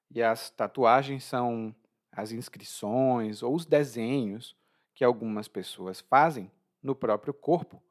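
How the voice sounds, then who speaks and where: A man with a Brazilian accent teaching a language lesson podcast, explaining expressions slowly, repeating key phrases and checking in with a "hum?". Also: mid-range voice.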